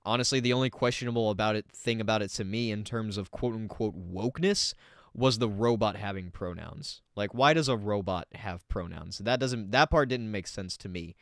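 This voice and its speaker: A man's voice: lowish voice, moderate pace, dry recording, clean studio sound. A man hosting a casual reaction commentary, talking in a rambling, filler-heavy way and swearing bluntly. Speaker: reaction video host.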